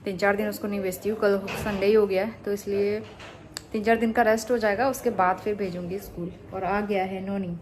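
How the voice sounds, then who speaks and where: A woman's voice: medium pitch, fairly even intonation, brisk, slight background noise. A young woman vlogging from her home, chatting casually to viewers about her day. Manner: warm, homely and talkative, speaking to viewers and her child. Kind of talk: casual chatty vlog narration. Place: at home, indoors.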